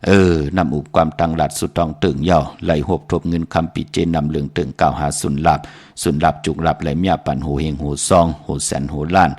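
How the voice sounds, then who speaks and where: Casting: man with an extremely low voice, rhythmic reciter of blessings. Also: little pitch movement, brisk, a little mellow, breathy edge. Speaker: traditional Shan culture speaker.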